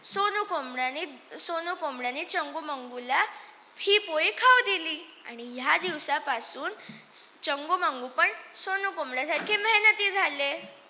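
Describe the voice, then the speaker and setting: A woman storyteller narrating a children's tale on a stage, lively and expressive, speaking to the audience. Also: very high voice, unhurried, a little hiss or hum. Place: stage in a hall. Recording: echoey hall, faint ambience.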